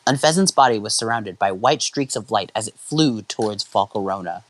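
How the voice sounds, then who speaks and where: Man reading fanfiction aloud, lively pitch. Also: normal speed. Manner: acts out shouted lines in a high voice, stumbles and laughs. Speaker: fanfiction reader and channel host.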